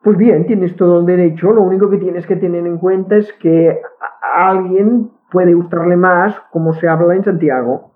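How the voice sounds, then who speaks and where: A guest linguist with a Catalan accent, a native Catalan speaker, joins a casual conversation, sounding firm and opinionated and often restarting words. Her lowish voice holds a steady tone at normal speed, over a tinny, phone-like connection.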